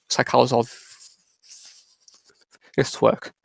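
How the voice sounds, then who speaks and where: A man calling in to a talk show over a call line, talking in a halting way with fillers and restarts. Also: medium pitch, little pitch movement, gravelly, breathy edge, no echo. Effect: call-in voice heard over a call line. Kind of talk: casual chat.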